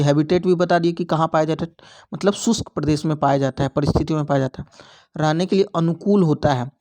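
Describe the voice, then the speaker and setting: A man's voice: on the high side, darkish tone. A young man teaching biology, walking through exam questions and mixing English terms into his explanations.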